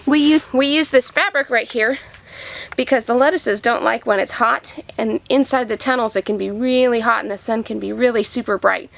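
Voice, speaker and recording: On a vegetable farm, moving through growing tunnels and outdoor beds, a woman farmer gives preschoolers an upbeat show-and-tell tour in simple, child-directed words. Her voice is a little high and creaky.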